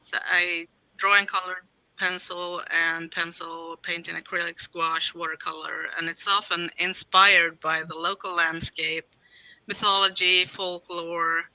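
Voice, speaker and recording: A woman's voice: on the low side, flat delivery, unhurried, sharp tone, no room sound, dull audio. A woman from Sweden, an artist and intuitive guide, talking in a thoughtful, meandering way on a video call. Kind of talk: casual video-call chat.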